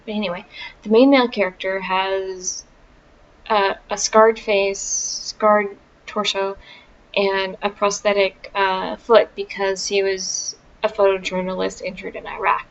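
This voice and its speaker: A woman's voice: mid-range voice, little pitch movement, unhurried. A woman giving a casual, chatty book review, wry and full of asides and ums. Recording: dull lo-fi sound with faint noise.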